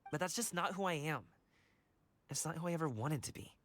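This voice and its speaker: A man's voice: fairly high pitch, animated, brisk, fairly bright tone. A man voicing a friendly, carefree young wushu dancer in a video game. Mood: earnest, wistful. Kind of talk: video game character voice acting. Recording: game music behind the voice.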